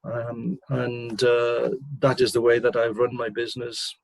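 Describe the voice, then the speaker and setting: An older man, a managing director, answering interview questions in a measured, hesitant way, clearing his throat between points. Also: mid-range voice, monotone, crowd noise, poor audio.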